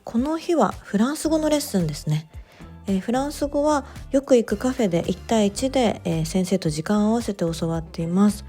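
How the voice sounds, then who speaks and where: A woman narrating her vlog in a relaxed voice-over, chatty and gently enthusiastic, with soft fillers. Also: mid-range voice, fairly quick, soft background music. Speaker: bookstore owner vlogger.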